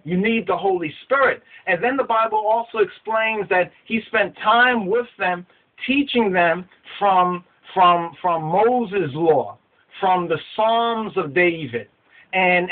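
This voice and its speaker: A middle-aged man teaching scripture to a webcam in a small room, animated and gesturing, often repeating words as he searches for the next one. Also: sits high. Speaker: religious teacher. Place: small indoor room with whiteboard. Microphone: webcam at desk. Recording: tinny phone-like webcam audio.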